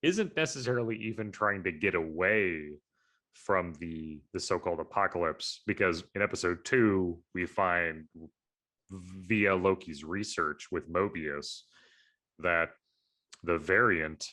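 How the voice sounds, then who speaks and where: A man's voice: low voice, measured pace, sharp tone. A man co-hosting a podcast in casual chat, analytical and rambling, with many fillers and restarts. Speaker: podcast co-host.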